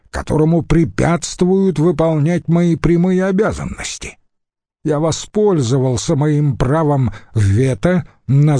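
A man's voice: on the high side, mellow, no room sound, studio quality, pitched above the performer's own voice. A man reading an audiobook, voicing a defiant young Roman tribune who talks in a bold, mocking, commanding way.

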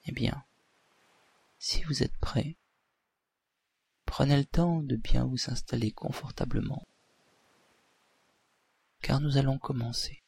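A man, a hypnotherapist leading a relaxation session in a deliberate, soothing, breathy voice with pauses. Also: mid-range voice, darkish tone, dry recording. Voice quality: breathy, husky, at times near whisper.

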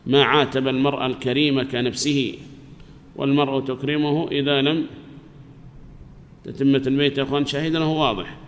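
Brief male grammar teacher, mid-pitched voice, patient, asks and answers, long hall reverb, faint hiss. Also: level tone. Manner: explains slowly, asks the class questions and answers them himself. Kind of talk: classroom lesson.

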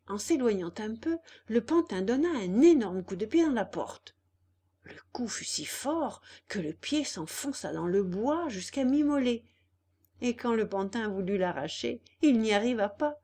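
A woman narrating a children's story in an expressive, deliberate way. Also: fairly high pitch. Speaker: audiobook reader.

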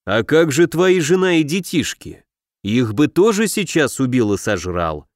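A man voicing a stern heroic warrior who speaks in a low, firm, weighty way in an audiobook. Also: sing-song, measured pace, no echo, studio quality. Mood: grave firm. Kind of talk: audiobook narration.

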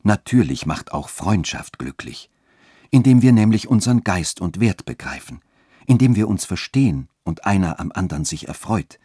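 A man voicing a young widow who reasons calmly and gently but stays firm. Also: deep voice, normal speed, husky, dry recording, clean studio sound, heavily acted. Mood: gently reasoning.

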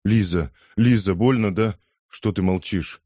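A man playing a surly drunk young fellow, gruff, snapping, loud, storybook reading. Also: on the low side, measured pace, dry recording, clean studio sound, pitched above the performer's own voice. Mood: remorseful.

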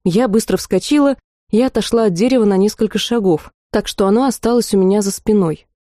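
A woman narrating a fantasy audiobook in the first person, in a lively, expressive reading style. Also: medium pitch, brisk, no room sound, clean studio sound.

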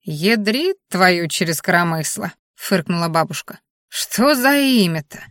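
A woman reading an audiobook, voicing a gruff, blunt elderly grandmother who grumbles and scolds in earthy terms. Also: mid-range voice, lively intonation, measured pace, no echo, studio quality. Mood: scoffing. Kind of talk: audiobook character voice.

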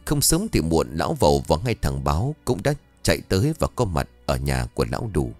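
A man tells a ghost story in a low voice that rises and falls widely. The delivery is dramatic and animated. The recording is dry and close, with faint music underneath. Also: dry recording.

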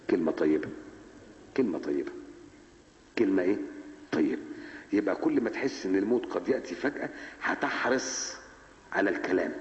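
A man's voice: low voice, a little mellow. A man with an Egyptian Arabic accent preaching a Ramadan lesson in a mosque, who keeps prompting his audience with rhetorical questions. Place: large mosque hall. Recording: echoey mosque hall, dull 1980s recording.

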